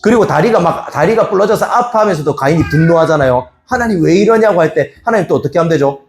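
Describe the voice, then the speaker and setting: A man's voice: a little high, fast, a little hiss or hum. A male pastor preaching a Sunday sermon, asking the congregation questions and acting out God's scolding voice.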